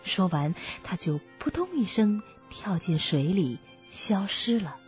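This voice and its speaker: A woman reading a fairy tale aloud to children, as a gentle storyteller. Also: medium pitch, very animated, takes it slowly. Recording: muffled, dry, soft music behind.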